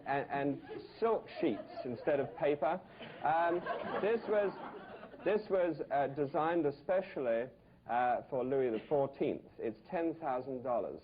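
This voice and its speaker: A man's voice: on the high side, highs cut off, noisy background. A man voicing an obsequious male antique shop salesman who is overly polite and fawning.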